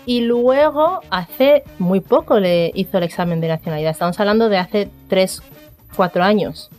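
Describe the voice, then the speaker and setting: A woman's voice: medium pitch, moderate pace, darkish tone, faint music behind. A middle-aged woman from Somalia, a podcast guest who talks at length and laughs through her anecdotes. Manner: talkative storyteller, laughs while telling anecdotes. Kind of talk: casual chat.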